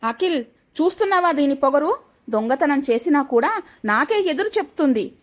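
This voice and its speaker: A woman voicing a scheming, sharp-tongued middle-aged mother-in-law in an accusing, scolding manner. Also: high voice, lively intonation, moderate pace, voice pushed up.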